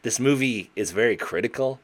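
A man's voice: medium pitch, brisk, no echo. A man co-hosting a film podcast in casual chat, rambling and correcting himself, laughing often. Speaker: podcast co-host.

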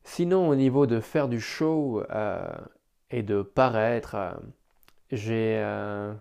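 A man improvising a solo podcast, hesitant and self-deprecating as he thinks aloud, with careful, deliberate articulation. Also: on the low side, vocal fry, darkish tone, clear, resonant tone. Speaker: amateur podcast host.

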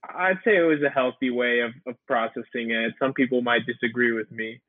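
A young man co-hosting a podcast, relaxed and a bit hesitant, with fillers. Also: mid-range voice, brisk, dry recording. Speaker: podcast co-host. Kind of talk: casual podcast chat. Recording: tinny phone-like line, dry.

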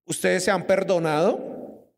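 High-voiced Colombian preacher in a hall. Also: male voice, measured pace, creaky. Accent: Colombian Spanish. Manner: lively, asks the audience questions. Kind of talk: sermon. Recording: long hall reverb.

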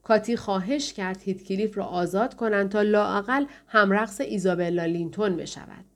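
A woman narrating an audiobook in steady storytelling fashion, voicing the characters in turn. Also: medium pitch. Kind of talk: scripted narration.

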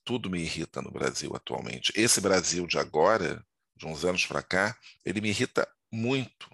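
A man's voice: sits low, lively intonation, normal speed, gravelly, bright, forceful tone, husky, no room sound. An older man with a Brazilian Portuguese accent, giving a casual grammar lesson in a chatty, digressive way that keeps asking for agreement. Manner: chatty, digressive, frequent tag questions. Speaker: Portuguese teacher.

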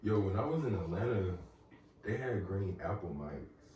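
A man's voice: low voice, expressive, normal speed, mellow, a little hiss or hum. A man hosting a podcast in casual chat, loose, slangy and joking with his guest. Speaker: podcast host. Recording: roomy, distant mic, faint ambience.

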